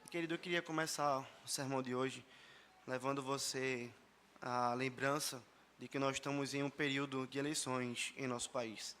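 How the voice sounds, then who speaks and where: Brazilian male pastor, hoarse, earnest sermon delivery, bright edge to the voice. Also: medium pitch, steady tone, moderate pace, a little hiss or hum. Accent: Brazilian Portuguese. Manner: earnest, addresses the congregation directly as brothers. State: hoarse after a flu. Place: church service.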